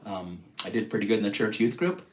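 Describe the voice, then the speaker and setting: A middle-aged man doing a self-deprecating stand-up set on a live stream, jumping into quick bits where he acts out shoppers and clerks. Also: lowish voice, sing-song, echoey room, noisy background. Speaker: stand-up comedian.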